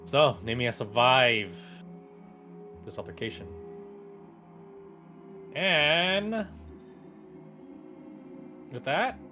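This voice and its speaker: A man narrates a tabletop adventure as game master, his voice dropping low and hushed for dramatic moments. He speaks in a middle pitch, and soft music plays faintly under him. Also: big pitch swings. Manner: slow, hushed storytelling with theatrical drops.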